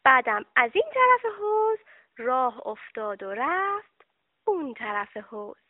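Woman storyteller for children, animated, dry tinny recording. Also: sits high, no room sound. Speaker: narrator. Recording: dry, tinny phone-like sound.

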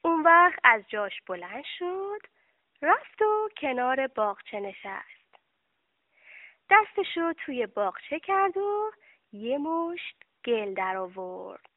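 Woman storyteller for children, animated, dry tinny recording. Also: sits high, dry recording. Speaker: narrator. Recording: dry, tinny phone-like sound.

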